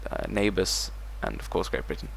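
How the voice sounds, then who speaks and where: With a low, creaky voice and a sing-song lilt, this man talks at a normal pace. He's a gaming channel host doing a let's play, working through his strategy game decisions out loud.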